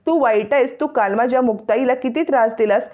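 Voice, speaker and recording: A woman's voice: on the high side, fairly even intonation, brisk, warm tone, natural voice. A woman doing a defiant little girl. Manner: defiant, sulky.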